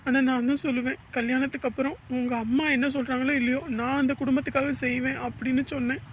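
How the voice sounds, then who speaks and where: A woman's voice: high-pitched, level tone, fast talker, highs cut off, slight background noise, lightly acted. A woman playing a hurt, earnest sister-in-law. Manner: earnest, pleading. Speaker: actor in a family drama. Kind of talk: amateur village family drama acting.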